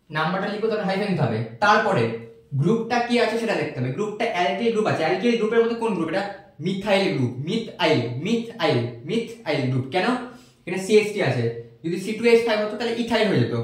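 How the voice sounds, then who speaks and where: A man teaching a recorded chemistry lesson, patiently repeating each step and checking that students follow. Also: high-pitched. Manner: patient, repeats steps and asks checking questions. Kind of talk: recorded online lecture. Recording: echoey room.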